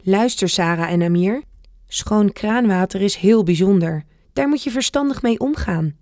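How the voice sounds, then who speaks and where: A woman's voice: medium pitch, expressive, normal speed, darkish tone, no echo, natural voice. Woman voicing old grandpa inventor, playful, secretive, grumbles a bit, storybook read-aloud, dry close sound. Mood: lively. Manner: cheerful, conspiratorial, sometimes grumbling.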